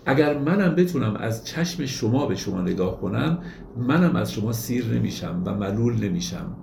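A man giving a lecture on classical poetry, reciting verses slowly and then explaining them in plain everyday speech. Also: medium pitch, big pitch swings, creaky, darkish tone, roomy sound, a little hiss or hum.

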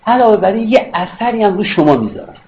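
A man's voice: sits high, expressive. A man giving a philosophy lecture, explaining step by step, rephrasing points and checking that listeners follow. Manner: explanatory, repeats and rephrases, checks understanding with questions. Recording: dull lo-fi recording with faint noise.

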